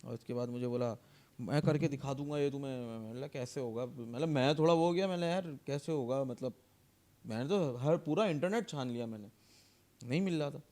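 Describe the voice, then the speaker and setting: A young man, telling a workplace story on a podcast in a lively, laughing way, acting out the dialogue. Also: medium pitch, brisk. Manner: animated, acts out dialogue, laughs often. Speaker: podcast co-host. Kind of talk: casual storytelling chat.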